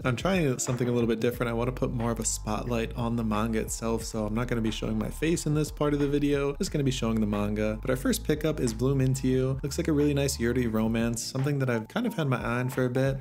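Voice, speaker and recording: Talking quickly and rarely pausing, this male manga vlogger chats eagerly about his latest book haul, letting out soft laughs along the way. His medium-pitched voice carries a slight wear, and soft music sits in the background.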